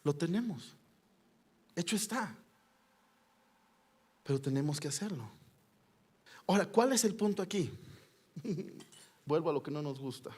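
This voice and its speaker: A man preaching with fervor, his voice pitched a bit high for a man. He climbs to loud peaks and then sinks to near-hushed lines. He keeps pressing his listeners with rhetorical questions. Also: animated, unhurried, long pauses, husky. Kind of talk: sermon.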